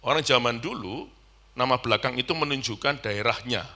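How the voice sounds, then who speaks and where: A man's voice: mid-range voice, brisk, sharp tone. A middle-aged male pastor, preaching a sermon at a church service, telling stories and rising to emphatic peaks. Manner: storytelling, acting out dialogue, rising to emphatic peaks.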